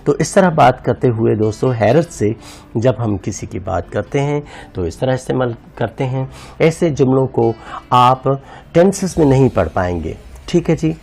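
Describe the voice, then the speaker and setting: A man teaching an online English grammar lesson, who calls his viewers friends and reads example sentences out slowly. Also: medium pitch, expressive, vocal fry, a little mellow.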